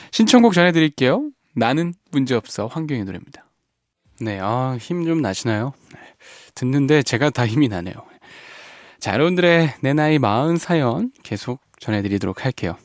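A man hosting a radio show in a studio, reading listener messages and reflecting on them in a soft, gentle way that often trails off quietly. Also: mid-range voice, dry recording. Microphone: studio microphone.

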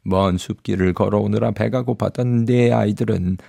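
A man reads a storybook as its narrator. His voice is fairly low, with a clear creak at the edges. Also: steady tone, normal speed, mellow, no echo, studio quality.

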